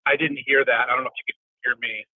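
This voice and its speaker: A man joining a public meeting remotely on a video call whose audio freezes and cuts out, talking in a halting way and repeating words. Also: medium pitch, steady tone, no room sound. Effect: choppy video-call audio that freezes and cuts out. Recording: dry, tinny phone-like call audio.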